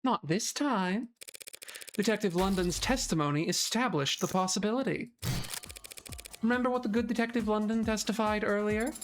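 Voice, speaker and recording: A woman reading a determined defense attorney aloud, arguing in a deliberate courtroom manner. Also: mid-range voice, voice pushed up, lightly acted. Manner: deliberate courtroom argument, building up points. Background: background music.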